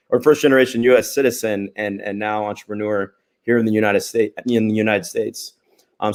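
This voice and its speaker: A man with a lowish voice moderating a business panel. He is enthusiastic and sets up long, wordy questions for the panelists.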